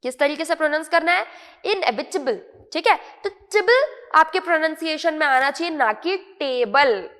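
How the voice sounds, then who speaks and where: High-voiced Indian woman teaching vocabulary. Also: quick pace, few pauses, fairly bright tone, long reverb tail. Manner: explains patiently, repeats words, checks often. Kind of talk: online lesson in Hindi-English mix.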